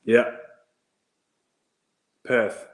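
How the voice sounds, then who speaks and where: Lively storytelling man in an echoey room. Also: very slow. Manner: lively storyteller, laughs often. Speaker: former rugby player pundit. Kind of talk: casual watchalong chat. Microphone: video call.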